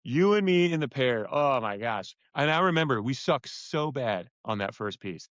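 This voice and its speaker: A man hosting a podcast in casual chat, animated and laughing as he tells stories. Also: medium pitch, moderate pace, no room sound. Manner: animated storyteller, acts out quotes, laughs often. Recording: dull lo-fi podcast audio.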